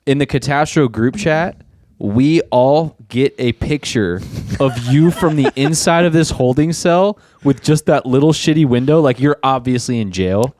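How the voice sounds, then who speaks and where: A man's voice: medium pitch, a little slow, a little mellow. A man co-hosting a podcast in casual chat, chiming in with teasing remarks and his side of the story. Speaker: podcast co-host.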